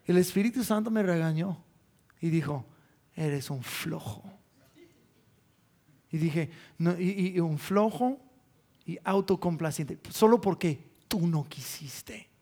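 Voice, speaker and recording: Brief: male pastor, high voice, candid self-deprecating sermon storyteller. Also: a little slow, warm tone. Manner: candid, self-mocking storytelling with quoted prayers.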